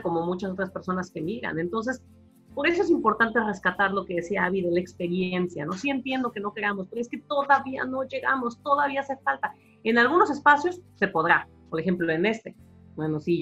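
A Mexican woman with a Mexican accent, an academic guest explaining her views in a lively conversational interview. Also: mid-range voice, husky, lo-fi sound. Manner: animated explainer, acting out quoted voices.

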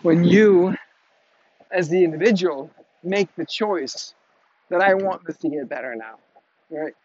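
A man's voice: high voice, a little slow, a little mellow, husky, lo-fi sound. A man giving a blunt motivational monologue to his viewers outdoors, swearing freely and tagging his points with "right?". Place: outdoors in the wind.

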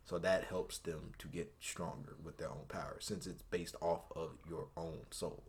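A man's voice: low voice, steady tone, moderate pace. A young American man co-hosting a casual anime chat, talking in slangy, joking, teasing phrases. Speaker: podcast co-host.

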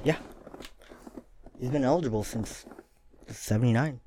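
A man's voice: medium pitch, measured pace, noisy background. A man co-hosting a podcast, casually chatting and reading out facts in an easygoing, matter-of-fact way. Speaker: podcast co-host. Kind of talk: casual chat, reading research notes.

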